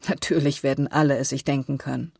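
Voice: mid-range voice, level tone, fast talker, vocal fry, a little mellow, breathy edge, no echo, clean studio sound. A reader voicing a tearful, weary older sister in an audiobook, sounding resigned. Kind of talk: audiobook character voice.

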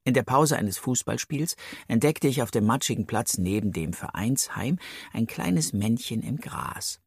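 A man's voice: medium pitch, lively intonation, unhurried, breathy edge, no room sound. A man narrating a children's story in the first person, playful and chatty, talking straight to the listener. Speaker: audiobook narrator.

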